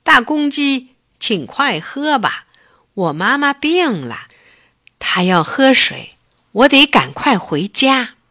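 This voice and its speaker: A woman putting on a high, lively little bear cub from a storybook, earnest and helpful, bouncing through a wide range, slow and bright. The cub sounds eager and in a rush to get home. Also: dry recording, studio quality, exaggerated voice. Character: kind eager young male bear cub.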